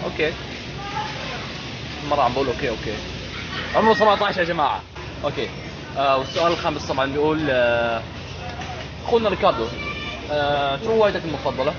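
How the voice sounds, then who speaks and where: A man's voice: a little high, expressive, fast, pauses often, muffled recording. A teenage boy with a Levantine Arabic accent, chatting casually and playfully as a vlog host and interviewer. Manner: playful, repeats and comments on answers. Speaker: vlogger and interviewer. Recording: noisy public place with urban sounds.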